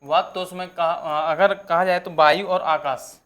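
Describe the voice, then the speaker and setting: A young man teaching an exam-prep lesson, repeating each term slowly so students can write it down. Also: fairly high pitch, steady tone, fairly bright tone. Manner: repetitive, dictating terms slowly for notes.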